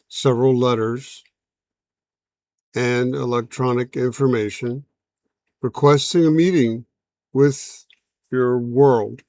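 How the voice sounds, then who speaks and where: A man voicing a patient male alien envoy who speaks in a measured, formal way. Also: medium pitch, a little mellow, no room sound. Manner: measured, formal, unhurried speech.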